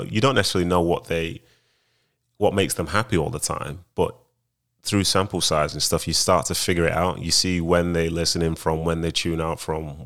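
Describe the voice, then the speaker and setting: A young man, a retired footballer now in broadcasting, answering interview questions in a laid-back, rambling way. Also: deep voice.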